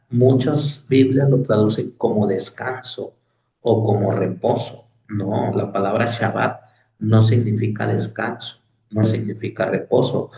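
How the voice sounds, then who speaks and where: A man teaching a Bible study lesson, explaining slowly and repeating key words, with many hesitations. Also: on the low side, gravelly, a little mellow, reverberant, rough recording.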